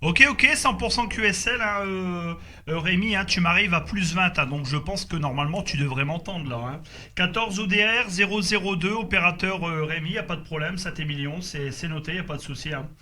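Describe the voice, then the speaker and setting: A man with a sharp, high-pitched voice talks a little fast while chatting casually as a radio operator in a group contact. His delivery is hesitant, and he repeats his confirmations.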